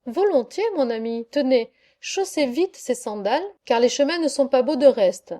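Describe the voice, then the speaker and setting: A woman's voice: high voice, lively intonation, moderate pace, warm tone. A woman reading an audiobook voices Saint Peter, a fatherly old gatekeeper of heaven who speaks genially and without hurry. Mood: reassuring.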